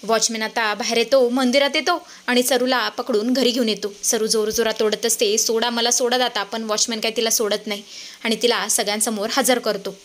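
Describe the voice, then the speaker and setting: A woman telling a story in a lively, dramatic way, recapping scenes and voicing the people in them. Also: fairly high pitch, fairly quick.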